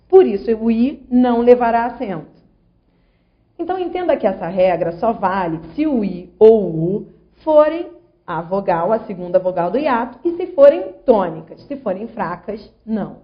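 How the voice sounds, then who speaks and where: A woman's voice: medium pitch, expressive, moderate pace. A woman grammar teacher, explaining rules patiently and sounding out syllables one by one. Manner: patient, syllable-by-syllable explaining, asks viewer along. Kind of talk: online grammar lesson. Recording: slightly dull lo-fi audio.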